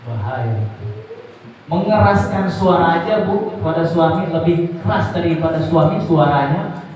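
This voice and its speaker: Preacher man in a booming, echoey hall. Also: measured pace. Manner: animated, acts out quoted wives with sudden high pitch. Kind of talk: sermon to women in a mosque. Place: mosque hall. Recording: very echoey hall, distant mic.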